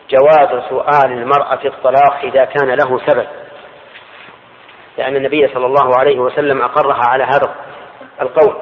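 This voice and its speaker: An older male Islamic scholar giving a measured religious lesson explaining hadith, repeating key phrases as he explains. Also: medium pitch. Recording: dull lo-fi archive recording in a large reverberant hall.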